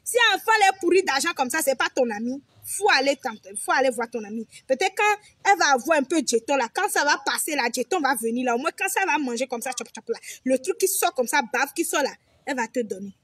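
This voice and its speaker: A woman's voice: high voice, lively intonation, fast, hardly any pauses, a bit bright, no echo. A young woman from Togo, giving blunt, repetitive, preachy advice straight to her viewers and swearing freely. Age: young adult. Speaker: vlogger. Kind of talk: direct-to-camera advice monologue.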